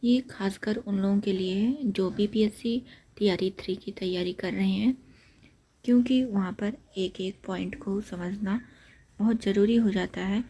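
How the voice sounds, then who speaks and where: A woman teaching an exam-prep grammar lesson, explaining point by point and repeating key facts, with trailing syllables that drop to a breathy near-whisper. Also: mid-range voice, mellow, slight background noise. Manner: repetitive, explains points step by step.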